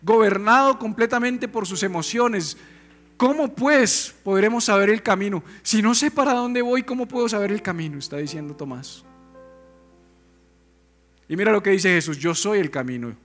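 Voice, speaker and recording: Pastor guy preaching, high voice, lively and chatty, faint music behind. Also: moderate pace. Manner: animated, conversational preaching with rhetorical questions. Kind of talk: sermon.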